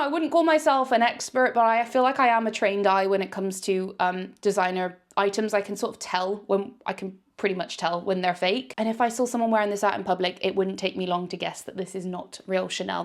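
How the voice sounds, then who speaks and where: A young British woman from the UK, a fashion vlogger chatting candidly through a try-on haul review with quick asides. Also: medium pitch.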